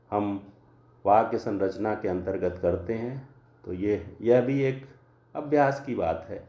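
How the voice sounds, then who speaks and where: Slow, gravelly male grammar teacher. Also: on the low side, mellow, reverberant. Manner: slow, deliberate explaining with examples. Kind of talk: classroom lecture.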